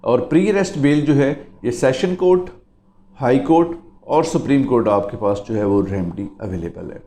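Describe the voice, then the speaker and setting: A male lawyer from Pakistan delivers a legal lecture step by step, repeatedly telling listeners to "remember" each point. His voice is mid-range and dark, at a normal speed, in a reverberant space.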